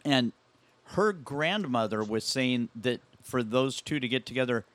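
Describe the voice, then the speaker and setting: A man's voice: medium pitch, animated, unhurried, fairly bright tone, no room sound. A man co-hosting a casual podcast, rambling through recollections and dropping wry jokes. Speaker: co-host.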